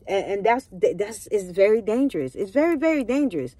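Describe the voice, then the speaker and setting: A woman's voice: mid-range voice, big pitch swings, a little fast, mellow, no room sound. A young woman reading a Bible story aloud in a casual vlog and stopping often to preach emphatically to her listeners. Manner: emphatic, preachy asides, keeps calling out to listeners. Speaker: vlogger retelling a Bible story.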